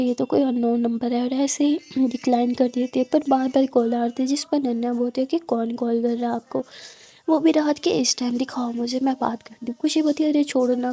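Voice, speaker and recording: High-voiced woman narrating a romance story. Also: warm tone, husky. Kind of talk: reading a serialized romance story.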